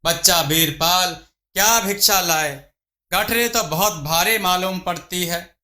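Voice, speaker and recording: A man's voice: high-pitched, unhurried, bright, forceful tone. A man voicing an old holy guru who speaks in a grave, admonishing way, in an echoey room. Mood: gentle. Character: old holy male guru, cautious and stern.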